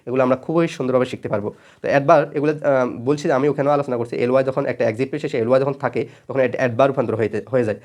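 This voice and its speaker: A man's voice: mid-range voice, a little mellow. A man teaching English grammar in his native Bengali, repeating each point several times with many fillers. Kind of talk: spoken grammar lesson.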